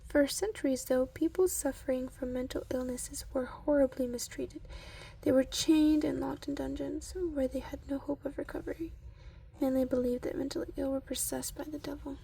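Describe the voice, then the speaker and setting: A woman reads from a book in a soft-spoken ASMR style, her gentle, breathy voice sitting high and steady and often falling to a whisper. She's unhurried, with murmured asides, and the audio is poor.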